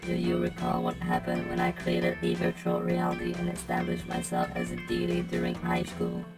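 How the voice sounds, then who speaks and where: A woman's voice: huge pitch swings, normal speed, gravelly, exaggerated voice. A woman through a voice changer as a formal robot. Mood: reserved. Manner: stiff, polite, overly formal phrasing. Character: formal, curious male robot studying organic life. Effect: voice changer pitching the voice far down. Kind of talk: reading game dialogue aloud with a friend. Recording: loud music playing behind.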